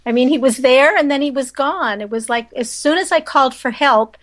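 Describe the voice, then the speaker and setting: A woman's voice: high-pitched, brisk. Earnest American woman guest. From United States. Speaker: interview guest. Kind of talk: casual interview.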